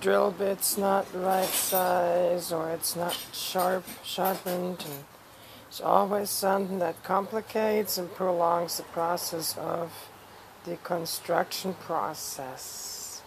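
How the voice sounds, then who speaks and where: A woman's voice: on the low side, fairly even intonation, slow pace. A woman filming a home renovation, chatting casually to viewers and explaining each step as she goes. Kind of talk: casual narration to camera. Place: outdoor backyard and small bathroom. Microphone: handheld camera. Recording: noisy outdoor camera audio with dogs barking.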